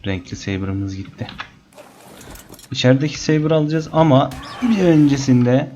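A man's voice: medium pitch, animated, moderate pace, warm tone, highs cut off, a little hiss or hum. A man commenting on his gameplay and playfully taunting the animals in the game. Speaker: gaming channel host. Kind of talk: Let's Play commentary.

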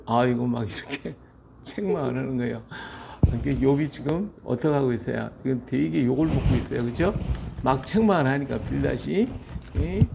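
A man's voice: medium pitch, expressive, moderate pace, gravelly, noisy background. A middle-aged man, a pastor, explaining a Bible chapter in blunt everyday speech, often asking rhetorical questions. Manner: paraphrases scripture in blunt colloquial speech, frequent rhetorical "예?". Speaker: pastor teaching Bible study. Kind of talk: Bible reading commentary.

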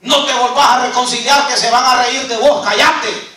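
A scornful male demon , voiced by a preacher, bullies sinners into silence in a high, piercing voice. Each taunt ends in a curt order to shut up. The sound comes from some distance away, swimming in the echo of a large church hall. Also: fairly even intonation, moderate pace, bright, forceful tone. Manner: mocking, snaps "cállate".

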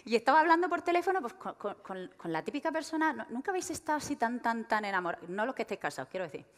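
A woman from Spain performing a stand-up comedy monologue, telling stories with lively acted-out dialogue. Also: a little high, very fast. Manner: lively storytelling, acting out dialogue. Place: theater stage. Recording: long reverb of a theater hall.

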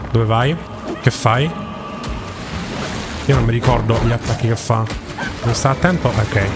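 Excitable man commenting on gameplay. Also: mid-range voice. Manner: excitable, talks to the game and its characters. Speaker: gaming YouTuber. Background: game music.

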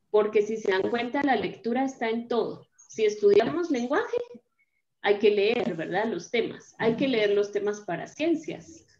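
A woman's voice: on the high side, a little mellow, echoey room, muffled recording. A woman teaching a primary school class online. She explains things patiently, step by step, and keeps checking in with her pupils.

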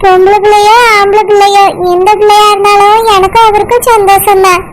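A woman with a Kanyakumari Tamil accent voicing a gentle pregnant young village woman who speaks softly and tenderly. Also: very high-pitched, little pitch movement, fairly quick. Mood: chatty. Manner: soft, tender, cooing. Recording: loud background noise.

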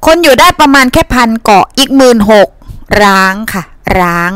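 A woman's voice: on the high side, lively intonation, normal speed, fairly bright tone, clean tone, no echo. A woman teacher giving a reading lesson in a chatty way, asking her pupils questions and answering them herself. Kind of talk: reading-comprehension lesson to students.

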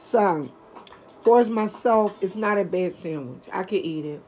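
An older woman reviewing fast food in casual chat, talking straight to her viewers. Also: medium pitch, a little mellow. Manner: chatty, talks straight to viewers.

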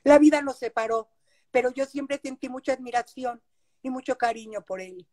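Older woman, Mexican accent, high-pitched, nostalgic storytelling, video call from home. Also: moderate pace. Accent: Mexican Spanish. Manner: warm nostalgic storytelling with frequent affirmations. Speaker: interview guest, actress. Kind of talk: casual reminiscing.

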